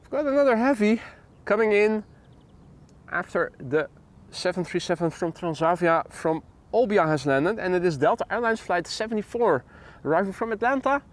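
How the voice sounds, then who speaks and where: A Dutch man with a high voice and lively intonation hosts a live plane-spotting stream outdoors at an airport in the Netherlands. Speaking at normal speed, he chats casually with viewers, reads the chat aloud and laughs often.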